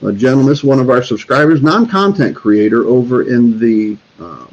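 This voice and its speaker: A man's voice: mid-range voice, animated, normal speed. Rambling man on a livestream, lo-fi. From Northeast Florida. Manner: rambling, many fillers and restarts. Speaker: homesteading channel host. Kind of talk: casual livestream chat. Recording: slightly dull lo-fi sound.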